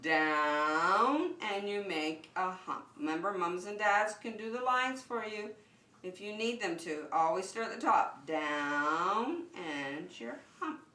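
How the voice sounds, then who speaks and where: With a fairly low, expressive voice and a sharp tone, a woman hosts preschool story and circle time, speaking slowly and directly to little kids in brief, encouraging, simple phrases amid singing. She's recorded at a distance in a roomy space.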